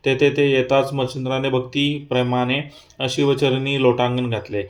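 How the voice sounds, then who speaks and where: A man reading a devotional scripture chapter aloud in a steady recital, with small slips and fillers. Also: medium pitch, moderate pace. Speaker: reader of scripture.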